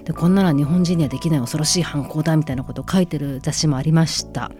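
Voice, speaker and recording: A woman's voice: deep voice, steady tone, racing, dark tone. A woman hosting a talk radio show, giving casual news commentary in sarcastic, outspoken rants. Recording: faint music underneath.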